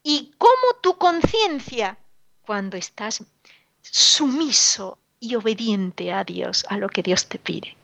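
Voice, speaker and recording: A woman delivers a radio sermon in a sorrowful, admonishing tone, repeating words and posing rhetorical questions with emphasis. Her medium-pitched voice is animated yet slow, creaky and a bit bright, in a dry recording.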